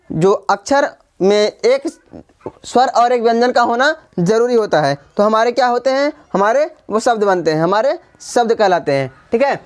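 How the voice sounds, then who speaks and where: A woman teaching basic English grammar in Hindi, repeating terms and spelling words out letter by letter, with a Hindi accent. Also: on the high side. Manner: repetitive, spells words letter by letter, frequent "ठीक है" check-ins. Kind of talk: classroom-style grammar lesson.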